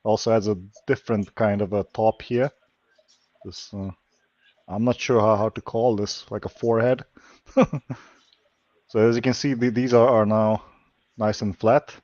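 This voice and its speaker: A man from Slovakia, speaking English as an in casual chat, halting and searching for words. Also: lowish voice, fairly even intonation, a little mellow, no room sound. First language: Hungarian. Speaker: lockpicking livestream guest. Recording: dull lo-fi stream audio.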